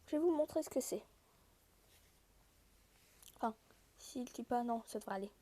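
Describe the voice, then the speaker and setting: High, mellow-voiced woman explaining a game. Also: expressive, moderate pace. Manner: explains step by step straight to viewers. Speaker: gaming video host. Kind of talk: casual gameplay walkthrough.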